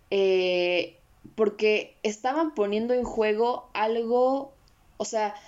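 A woman's voice: fairly high pitch, darkish tone, highs cut off. A woman with a Mexican accent, co-hosting a casual discussion and rambling with fillers and restarts. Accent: Mexican Spanish. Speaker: podcast co-host.

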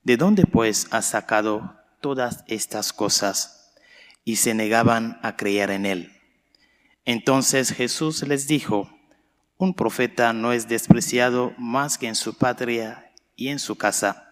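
A man who is a priest, reading the gospel and preaching a homily in a slow, measured, solemn way, heard with a cathedral echo. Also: mid-range voice. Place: large church. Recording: long church reverb.

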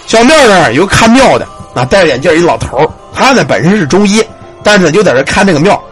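A man telling a ghost story, animated, with shouted cries and sound words. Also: high voice, quick pace, faint music behind.

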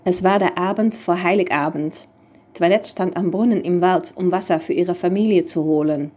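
A woman narrating a children's storybook in an even, gentle reading. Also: fairly low pitch, normal speed, husky.

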